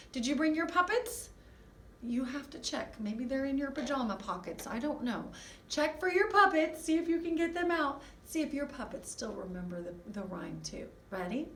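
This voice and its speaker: High, lively woman teaching children. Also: reverberant, recorded from a distance, slight background noise. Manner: animated, sing-song, talks to children with puppets. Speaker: music teacher. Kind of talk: online lesson for first graders.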